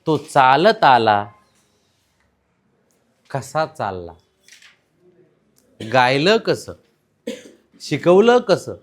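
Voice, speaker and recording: A man with a Marathi accent teaching a class, slipping English words in among his own. His voice sits a little high and swings widely in pitch. He talks slowly and keeps asking his students questions. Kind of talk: classroom lesson.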